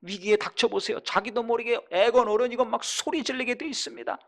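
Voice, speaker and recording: A man's voice: very high-pitched, fairly quick. Emphatic male pastor preaching. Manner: emphatic preaching with rhetorical questions, swinging between loud and quiet. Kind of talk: sermon.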